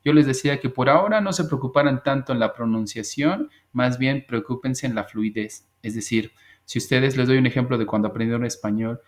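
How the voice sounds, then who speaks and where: A man teaching an English class over a video call, patient and repetitive as he drills pronunciation. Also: medium pitch. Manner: patient, drills pronunciation slowly and repeats words. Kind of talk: online class lesson.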